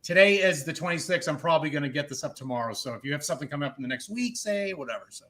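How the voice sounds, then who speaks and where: A man with a thick Boston accent rattles through his lines at a quick clip, his voice pitched a little high. The tone is bright and forceful, full of quick jokes as he hosts a casual podcast chat. He talks over a video call from his bedroom. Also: expressive. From suburbs of Boston, United States. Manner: fast, joking banter. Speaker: podcast host.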